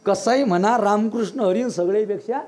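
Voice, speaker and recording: A man with a Varhadi Marathi accent preaching a devotional sermon, blunt and teasing, breaking into loud bursts. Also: sits high, moderate pace. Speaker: kirtan preacher.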